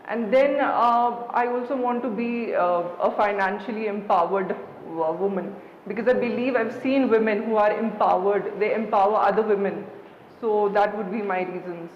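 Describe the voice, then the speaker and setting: A young woman with a Kashmiri accent, answering formally and haltingly as a deferential interview candidate. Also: mid-range voice. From Srinagar, Kashmir, India. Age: young adult. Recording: echoey hall, dull sound, background noise.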